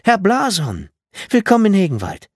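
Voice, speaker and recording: A male audiobook reader voicing a mother who warmly invites guests to dinner. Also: high-pitched, wildly swooping pitch, normal speed, no echo, clean studio sound, voice pushed up, heavily acted. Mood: welcoming. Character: flustered mother welcoming guests, woman.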